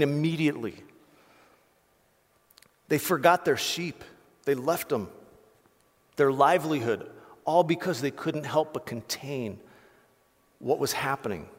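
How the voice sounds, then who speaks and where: A man delivers an impassioned sermon in a slightly raised voice, talking to the congregation in a loose, conversational way. The sound carries a long reverb from a church hall. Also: on the high side. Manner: impassioned, conversational preaching with restarts and "like". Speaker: pastor.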